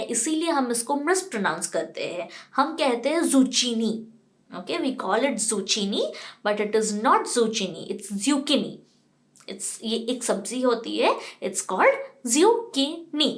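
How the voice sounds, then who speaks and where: A woman's voice: high voice, a bit bright. An Indian woman teaching pronunciation in a casual lesson, spelling words out letter by letter and quizzing the viewer. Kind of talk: casual lesson mixing Hindi and English.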